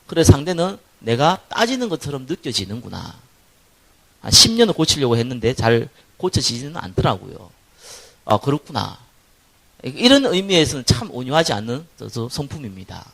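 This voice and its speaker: A male pastor with a Gyeongsang accent, preaching a sermon and acting out the people in his stories, his voice rising loud for stress and dropping to quiet asides. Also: medium pitch, sing-song, moderate pace, gravelly. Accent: Gyeongsang Korean.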